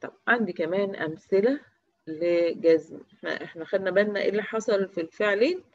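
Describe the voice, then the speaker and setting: A teacher with an Egyptian Arabic accent leads a grammar review lesson. They pose quick quiz questions, answer them, and repeat example words slowly, one by one. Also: mid-range voice, no room sound. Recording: dry, slightly dull recording.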